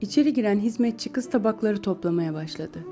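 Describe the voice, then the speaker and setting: A woman narrating a classic story in a calm, measured reading voice. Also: mid-range voice.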